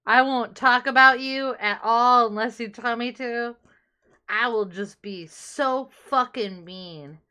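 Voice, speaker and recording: A woman hosts her livestream with a bright, tense-edged tone and a somewhat high voice. She talks slowly and lazily, trading crude jokes and playing them mock-serious. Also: clean tone. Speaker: livestream host. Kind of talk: casual chat on a livestream.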